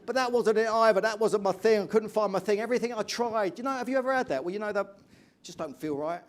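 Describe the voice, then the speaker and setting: An English man in middle age delivers a motivational keynote, his fairly high voice driving energetic stories. He keeps turning to the audience with direct questions. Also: quick pace. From England. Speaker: motivational speaker.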